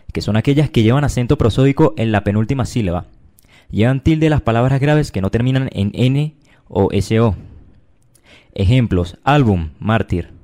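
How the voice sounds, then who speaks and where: A young man, slowly reading a grammar lesson dressed up as a news report. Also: lowish voice, warm tone. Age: young adult. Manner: slow, deliberate reading. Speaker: mock reporter.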